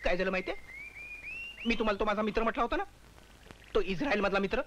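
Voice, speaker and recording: A glib, high-voiced con man. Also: fairly bright tone, slight background noise. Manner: smooth-talking, cheeky and quick with excuses. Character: glib fast-talking young male con man lodger. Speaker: salesman. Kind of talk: 1980s comedy film acting. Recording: old film soundtrack with background music.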